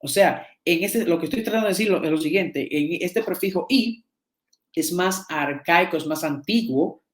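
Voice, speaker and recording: A man's voice: high-pitched, moderate pace. A man teaching a seminar, explaining slides and often repeating and restarting words as he checks in with his listeners. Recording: echoey room.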